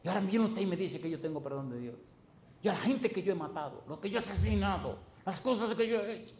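A man's voice: sits high, lively intonation, fast, darkish tone, echoey room, slight background noise, pitched above the performer's own voice. A preacher putting on a desperate furious hitman. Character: desperate furious male hitman, guilt-ridden.

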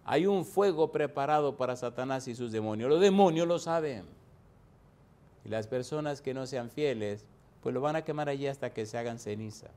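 A man preaches a sermon in a medium-pitched, animated voice, dramatic and emphatic, rising into loud bursts. He reads out scripture references slowly.

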